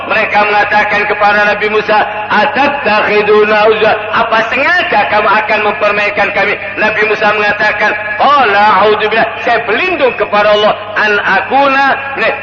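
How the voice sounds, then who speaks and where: Male preacher, high voice, long hall reverb, chants verses between storytelling. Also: highs cut off. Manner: animated storyteller, chants Quranic verses slowly. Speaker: Islamic preacher. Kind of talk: sermon storytelling. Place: mosque hall.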